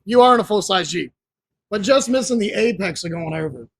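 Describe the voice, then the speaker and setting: A man's voice: high-pitched, animated, fairly quick, gravelly, slightly rough, no echo. A man telling long, rambling stories in a laid-back, casual way as a podcast guest. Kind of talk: casual storytelling.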